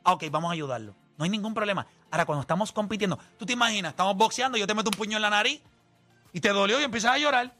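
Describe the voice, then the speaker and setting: A man with a high, bright voice hosts a sports talk chat, laying out his argument through everyday examples. He talks in a lively, persuasive way, with soft music playing behind him. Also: racing. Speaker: sports talk show host.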